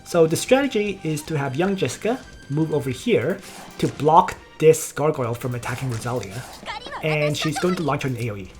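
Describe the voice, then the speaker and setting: A woman with a low voice gives casual gameplay commentary, talking through each move step by step. Her delivery is relaxed yet lively in pitch. Faint game music plays behind her. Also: normal speed. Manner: relaxed, explains strategy step by step. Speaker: game video player.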